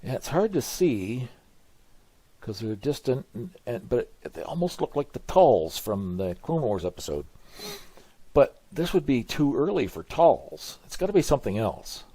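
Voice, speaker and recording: Reacting to a game trailer, this video host muses in a hesitant, grandfatherly way, his medium-pitched voice mellow and sing-song at a moderate pace. Music from the trailer plays underneath, and there's no room sound.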